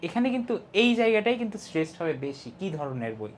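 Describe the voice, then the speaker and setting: A young man teaching an English lesson, explaining step by step, reading English lines slowly and stressing key syllables. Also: high-pitched, very animated, slight background noise. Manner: explains step by step, often asks "ঠিক আছে?". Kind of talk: online class lesson.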